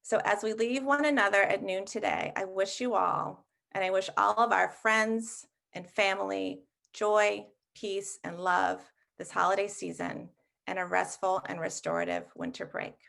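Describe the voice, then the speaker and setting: A woman who heads a school giving a measured assembly address, listing each grade in turn, speaking from home. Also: mid-range voice, animated, creaky. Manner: measured, warm listing to students. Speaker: head of school.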